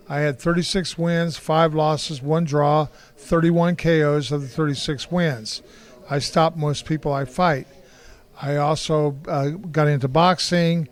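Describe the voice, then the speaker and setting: A man's voice: fairly high pitch, clear, resonant tone. A man in his sixties from Kansas City, a martial artist telling his life story in an interview, blunt and rambling with frequent restarts. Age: 60s.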